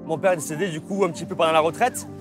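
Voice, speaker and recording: A man's voice: fairly high pitch, fairly even intonation, rapid-fire, over music. A man in his thirties from southern France, speaking earnestly in a documentary interview. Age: 30s.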